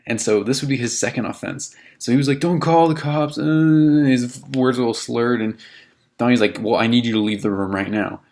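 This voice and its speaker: Gravelly young man telling a dorm story. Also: on the low side, brisk. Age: 20s. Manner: animated, laughing retelling with quoted voices. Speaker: vlogger. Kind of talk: casual storytelling to camera. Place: college dorm room.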